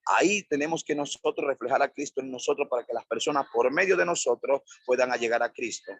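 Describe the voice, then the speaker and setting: Husky-voiced male pastor preaching. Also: mid-range voice, fast, fairly bright tone, dry recording. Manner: repetitive, emphatic preaching with listed phrases. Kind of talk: sermon.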